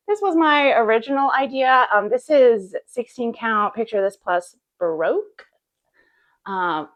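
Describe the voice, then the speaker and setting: A woman's voice: medium pitch, highs cut off. Bubbly chatty woman vlogger. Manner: bubbly, chatty, filler-heavy. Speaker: cross stitch vlogger. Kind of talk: casual chat to camera.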